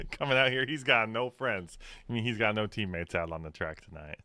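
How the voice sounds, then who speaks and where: Dude doing color commentary on a race, lowish voice, bright and sharp tone, kinda rambly. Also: male voice, normal speed, no echo. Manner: relaxed, rambling analysis with fillers.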